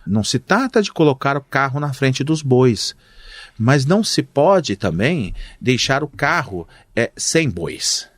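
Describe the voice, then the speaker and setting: A man from Brazil, a guest reporter on a podcast, laying out a measured argument with rhetorical questions. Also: mid-range voice, very animated, no echo, studio quality. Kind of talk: podcast interview analysis.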